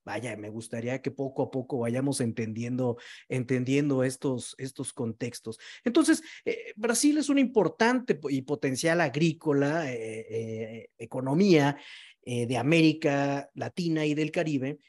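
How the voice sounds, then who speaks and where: A man's voice: mid-range voice, lively intonation, a little slow, darkish tone. A man hosting a podcast in a conversational, courteous and wordy interviewing style. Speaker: podcast host.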